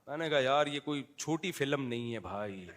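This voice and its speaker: A middle-aged man preaching an informal sermon, talking in a conversational way that moves between quiet asides and emphatic teaching. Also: medium pitch, animated. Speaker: Islamic preacher. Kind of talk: informal sermon with live audience address.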